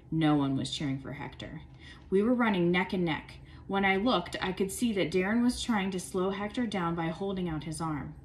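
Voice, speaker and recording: A woman, a parent volunteer and substitute teacher, reading a children's chapter book aloud with expressive storytelling. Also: on the low side, slight background noise, poor audio.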